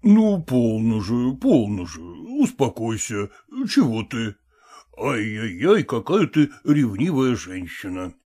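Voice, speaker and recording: A man's voice: on the high side, sing-song, a little slow, darkish tone, slightly rough, voice pushed up, heavily acted. A man doing a smug, evasive old-school professor. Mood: patronizing. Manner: patronizing, soothing, smug. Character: condescending middle-aged male professor, evasive. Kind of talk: audiobook character reading.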